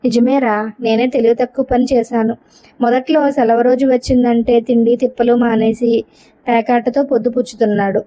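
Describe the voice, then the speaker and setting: A woman voicing a sharp-tongued, exasperated young housewife in a storybook reading, with a complaining, sarcastic manner. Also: on the high side, little pitch movement, normal speed, slight background noise, natural voice. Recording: dull lo-fi recording.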